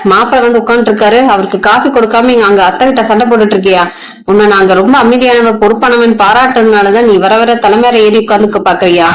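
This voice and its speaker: A woman's voice: a little high, steady tone, fast talker, natural voice, poor audio. A woman voicing a stern older father-in-law who reproaches his daughter-in-law in a storybook retelling.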